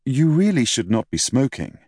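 A man in his thirties voicing an earnest young physician, a caring son with a brisk manner. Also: medium pitch, sing-song, a little mellow, husky, no room sound, clean studio sound, pitched above the performer's own voice. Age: 30s.

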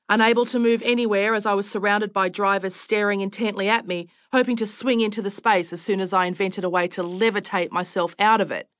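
A woman's voice: medium pitch, a bit bright, dry recording, studio quality. A middle-aged Australian woman narrating her own audiobook memoir with wry, self-mocking storytelling. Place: recording studio.

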